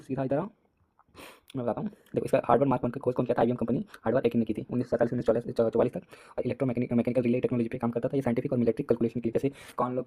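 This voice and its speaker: A young man giving a casual exam-prep lesson, talking in a quick, repetitive way and often clearing his throat. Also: medium pitch, a little mellow. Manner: rapid, repetitive, casual, addresses students as "bhai". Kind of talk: fast late-night revision lecture.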